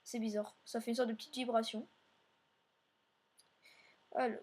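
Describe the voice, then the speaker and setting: Woman, let's play host, slightly higher voice, rambling commentary aimed at viewers. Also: flat delivery, normal speed, darkish tone. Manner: meandering, filler-heavy narration while playing; speaks directly to viewers.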